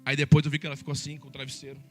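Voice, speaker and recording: A male pastor preaching a sermon, lively and joking, speaking straight to the congregation. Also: mid-range voice, very fast, faint music behind.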